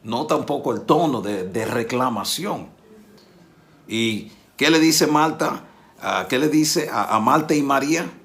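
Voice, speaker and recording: A man's voice: mid-range voice, expressive, measured pace, creaky, fairly bright tone. A man preaching a Sunday sermon in a conversational way, often asking the congregation rhetorical questions.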